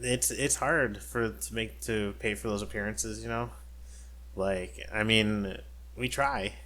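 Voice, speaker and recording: Male podcast co-host, lower register, loose rambling delivery with fillers and restarts. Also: fairly even intonation, slow pace, bright, forceful tone. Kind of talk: casual chat.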